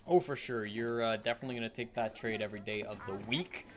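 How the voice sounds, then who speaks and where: A man's voice: medium pitch, steady tone, fast. A man doing play-by-play esports commentary, giving a running account of the action.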